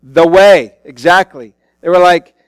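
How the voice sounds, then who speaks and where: A man's voice: high-pitched, a little slow, clean tone, dry recording, low-quality recording. A male pastor preaching a sermon into a pulpit microphone in a church, in a casual, conversational way with many fillers and restarts. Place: church sanctuary.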